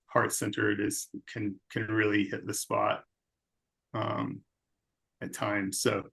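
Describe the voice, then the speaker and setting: Male psychologist guest, middle-aged, flat delivery, measured and thoughtful. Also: fairly low pitch, creaky, husky. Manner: measured, thoughtful, with hedging fillers. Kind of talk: interview answers.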